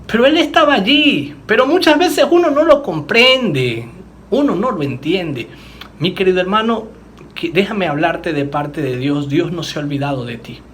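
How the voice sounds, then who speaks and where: A man preaching a sermon as pastor, moving between fervent declarations and hushed, personal confessions. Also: high voice, big pitch swings, unhurried, slight background noise. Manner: impassioned preaching, swings from loud declarations to hushed, intimate moments.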